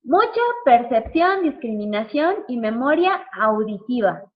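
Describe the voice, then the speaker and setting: A woman's voice: a little high, lively intonation, a little slow. A woman giving a chatty, informal lecture on early childhood teaching, repeating words for emphasis and tagging "sale" onto her sentences. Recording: slightly dull lo-fi recording.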